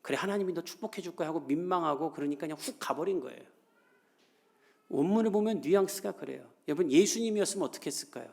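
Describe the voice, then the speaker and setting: A male pastor delivers a Sunday sermon in a somewhat high voice. He talks to the congregation in a chatty way, acts out the voices he quotes, and climbs to emphatic peaks. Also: expressive, fast, vocal fry, darkish tone. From South Korea.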